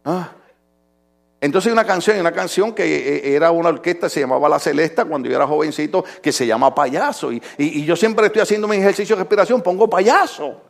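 A man preaching a sermon as pastor, with humor, his voice swinging from loud outbursts to quiet asides. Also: a little high, fast, vocal fry, hardly any pauses.

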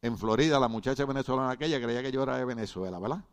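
A man's voice: mid-range voice, racing. A man from Puerto Rico preaching a sermon, joking with the congregation, repeating words and often asking if they are following. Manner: jokey, repeats words, often asks "right?".

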